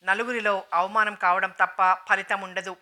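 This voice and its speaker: A woman voicing a stern, dignified matriarch who speaks in a calm, grave and measured way, in an audiobook novel reading. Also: medium pitch, close to an everyday voice.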